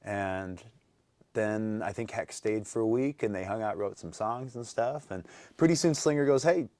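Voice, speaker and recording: Brief: young musician guest in his twenties, from North Dakota, deep-ish voice, dry close sound, loose rambling storytelling. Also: moderate pace, mellow, no room sound. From North Dakota, USA. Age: 20s. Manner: rambling storyteller, many fillers and restarts. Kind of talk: casual interview chat.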